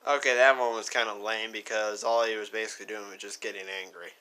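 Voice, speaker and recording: A man hosting a reaction video with a very bright, sharp-edged voice. His commentary is casual and slangy, built on exasperated rhetorical questions. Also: on the low side, fairly even intonation, quick pace, clean tone, poor audio.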